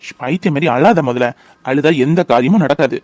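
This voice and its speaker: A man's voice: on the high side, brisk, darkish tone, dry recording, lightly acted. A man voicing a devoted young fiancé in a cartoon, coaxing and reassuring. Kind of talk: cartoon voice acting.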